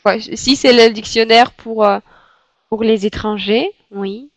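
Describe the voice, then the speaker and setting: A woman with a Russian accent gives a language lesson, repeating words and pausing with hesitant fillers as she explains. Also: on the high side, fairly even intonation, no room sound. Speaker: Russian teacher.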